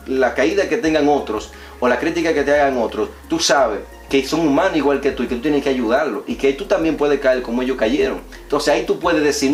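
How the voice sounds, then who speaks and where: Higher-voiced man preaching his testimony. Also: echoey room. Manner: earnest, preachy storytelling. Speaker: evangelist guest. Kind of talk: testimony in casual conversation.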